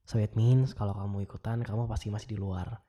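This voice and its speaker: A young man with an Indonesian accent playing a caring, wistful ex-boyfriend in a gentle, casual, intimate voicemail monologue, mixing in English. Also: fairly low pitch, steady tone, brisk, husky, lo-fi sound. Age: young adult.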